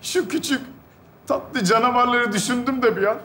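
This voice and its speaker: A man performing live sketch comedy on stage, loud, indignant and overdramatic. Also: very high-pitched, normal speed, faint music behind. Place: theater stage before a live audience. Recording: echoey theater stage with audience.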